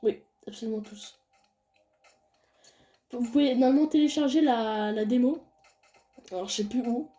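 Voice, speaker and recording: Faint music plays behind a young woman who reads a visual novel aloud at normal speed, pausing often. She voices the game's lines softly and low, but her casual chatter about the game between scenes is loud and excited, in the style of a let's-play.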